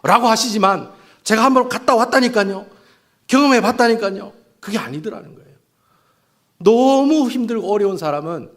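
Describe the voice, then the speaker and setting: Man, pastor, high-pitched, animated sermon, acts out quotes. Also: gravelly. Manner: animated, asks the congregation rhetorical questions.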